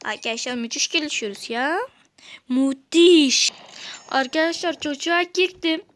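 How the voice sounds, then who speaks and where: A woman hosting a gaming channel, giving excited let's-play commentary, talking straight to viewers and shouting at rival players. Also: sits high, a little slow. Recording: noisy home recording.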